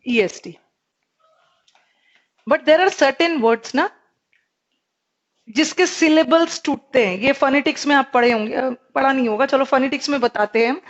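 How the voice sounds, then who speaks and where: High-voiced Indian woman teaching grammar. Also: dull audio. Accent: Indian English. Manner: explains in Hindi mixed with English, questions students. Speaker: English teacher. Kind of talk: live online grammar class.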